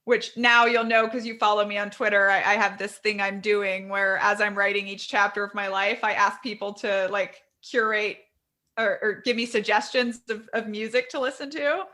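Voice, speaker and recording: Bright-voiced woman telling her story. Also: medium pitch. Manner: candid, quick, animated storytelling. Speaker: guest author. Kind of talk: conversational interview.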